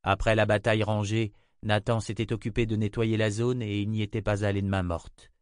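Deep-voiced man reading an audiobook. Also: little pitch movement, brisk, clean tone, no room sound, studio quality. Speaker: audiobook reader. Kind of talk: scripted fantasy narration.

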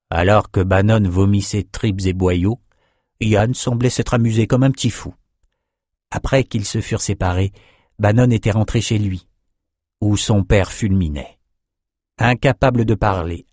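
A man reading an audiobook in steady, measured scripted narration. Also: lowish voice, no echo, clean studio sound.

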